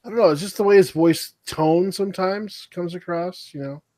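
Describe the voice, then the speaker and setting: A man's voice: high-pitched, normal speed, warm tone, dry recording. Man chatting casually, dry close sound. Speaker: streamer. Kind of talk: casual chat on a livestream.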